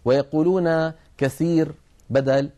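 A man's voice: on the high side, fairly even intonation, a little slow, warm tone. A man teaching Quran recitation in a methodical recorded lesson, sounding out letters aloud to demonstrate them.

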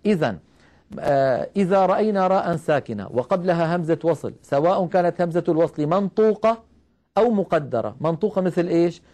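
A man teaching the rules of Quran recitation, explaining each rule step by step, asking his listeners questions and reciting verses slowly as examples. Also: fairly high pitch, expressive, darkish tone. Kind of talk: recorded tajweed lesson.

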